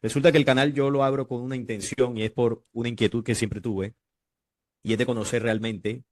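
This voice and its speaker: A man from Colombia, a guest calmly explaining in an interview. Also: medium pitch, fairly quick, dry recording, clean studio sound. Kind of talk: casual interview chat.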